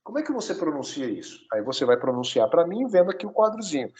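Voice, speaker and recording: A man from Brazil teaching a one-on-one English lesson, coaching his student and spelling words out slowly. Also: on the high side, sing-song, a little mellow, poor audio.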